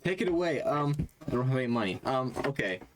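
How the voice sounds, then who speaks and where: A man co-hosting a casual gaming podcast who talks haltingly, stumbling and restarting. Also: mid-range voice, very animated, background noise. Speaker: podcast co-host. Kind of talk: casual chat.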